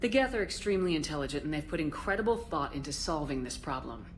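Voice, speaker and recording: Low-voiced female Commander Shepard. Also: expressive, fast talker, a little hiss or hum. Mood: firm, persuasive. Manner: direct, assured. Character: confident, resolute female military commander. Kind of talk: scripted game dialogue.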